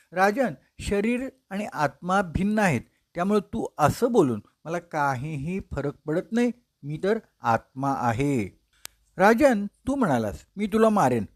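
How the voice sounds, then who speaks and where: A man voicing a serene wise sage. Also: on the high side. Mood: firm. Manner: serene, measured, instructive. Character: calm, wise ascetic man answering a king.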